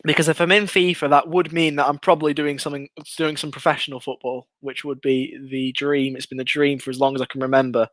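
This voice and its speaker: A young English man with a fairly high pitch rattles along at a quick pace with few pauses, excitably commentating a match on a live fan watchalong and reading viewer comments. His voice is going hoarse as he loses it. The recording is dry.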